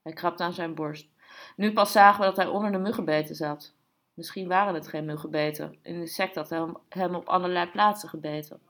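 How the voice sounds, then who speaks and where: Low-voiced woman reading a novel. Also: fairly quick, fairly bright tone. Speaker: audiobook reader. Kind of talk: literary narration.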